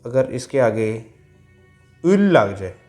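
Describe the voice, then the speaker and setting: A man teaching a language lesson, explaining pronunciation rules patiently, repeating each point and sounding out syllables slowly. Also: mid-range voice, sing-song, a little mellow, faint music behind.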